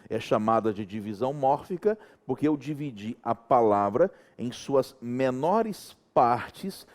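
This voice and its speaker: A middle-aged Brazilian man teaching a Portuguese grammar lesson, checking in with the students again and again. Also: medium pitch. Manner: animated, checks in with students often.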